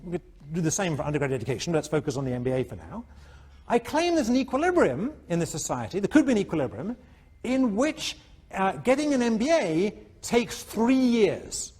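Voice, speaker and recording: A male economics professor giving a university lecture, animated and constantly checking in with his students. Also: high voice, a little fast, husky. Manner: animated, keeps checking in with "all right?". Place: lecture hall.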